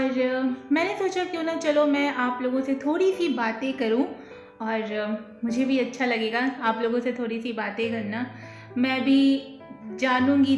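A young woman chatting casually to her viewers from home, with fillers and small laughs. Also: sits high. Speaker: vlogger. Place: home, quiet flat in the kitchen. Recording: echoey room with faint music.

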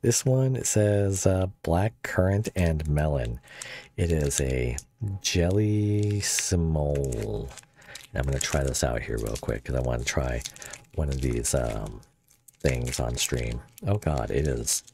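A man's voice: animated, slow, creaky, darkish tone, a little hiss or hum. A man streaming with a voice changer on, chatting casually in a rambling, joking way with frequent self-interruptions. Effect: voice changer pitching the voice very deep. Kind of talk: casual livestream chat.

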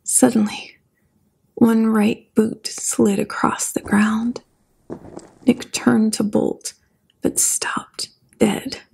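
A woman narrating a horror story soft-spoken and whispered, as whispered role-play. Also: a little high, level tone, very slow, creaky.

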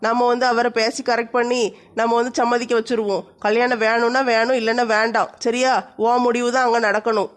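A woman's voice: a little high, level tone, fairly quick, natural voice. A tall, bossy village woman, newly married, played by a woman. She teases and coaxes, as in a comic skit. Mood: reassuring. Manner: teasing, loud, coaxing.

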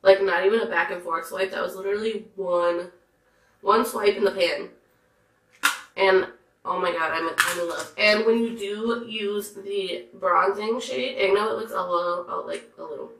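A hoarse, congested woman talking in a chatty, gushing way, reviewing makeup. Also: medium pitch, moderate pace, fairly bright tone, reverberant, low-quality recording. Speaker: beauty vlogger. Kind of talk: casual makeup review chat.

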